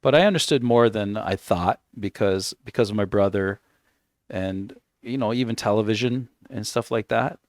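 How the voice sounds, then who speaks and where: Recorded with clean studio sound and no room echo, this lowish-voiced man is a Canadian native Italian speaker talking loosely during a gaming stream. He meanders through his stories, frequently going back to correct himself.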